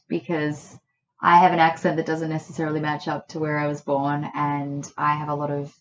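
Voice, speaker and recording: A woman from Australia, a poet, speaking thoughtfully in a quiet bedroom and reading her poems. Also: low-pitched, lo-fi sound, slight background noise. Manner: thoughtful, musing. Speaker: poet guest. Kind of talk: reflective conversation and poetry reading.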